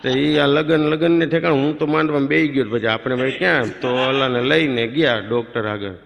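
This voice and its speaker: A man telling a lively, rustic comic story on stage and acting out the voices of the people in it. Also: medium pitch, fairly quick, vocal fry, crowd noise. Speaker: stand-up comedian. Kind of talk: comic storytelling before a live audience. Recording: live stage recording in a reverberant hall.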